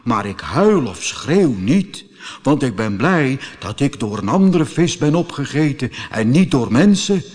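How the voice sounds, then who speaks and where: A man voicing a calm talking tuna fish in a storybook reading, unhurried. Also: mid-range voice, in a large hall.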